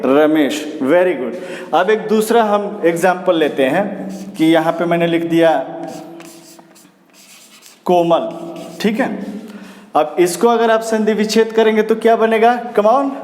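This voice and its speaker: A high-pitched man teaches basic English spelling, asking and then answering his own questions. He praises every step with "very good." His voice rings in a roomy, echoing space with a lingering tail. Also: darkish tone. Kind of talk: spoken English lesson. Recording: echoey room with long reverb.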